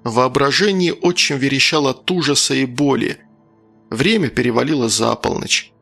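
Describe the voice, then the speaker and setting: A man reading a dark audiobook in a measured storytelling manner. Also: mid-range voice, gravelly, faint music behind. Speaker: audiobook narrator.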